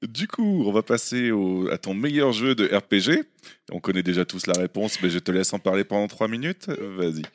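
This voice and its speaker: A man hosting a casual gaming podcast, briskly moving the talk from one segment to the next. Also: fairly low pitch, lively intonation, no echo. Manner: brisk, steering the discussion. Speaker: podcast host moderating segments.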